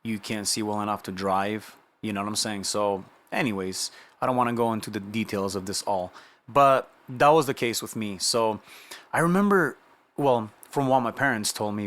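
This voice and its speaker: A middle-aged Romanian man who moved to the United States at nine shares a personal testimony as a vlogger. His voice is lowish with a fairly bright tone, and he talks casually, often checking in with "you know" and rhetorical questions.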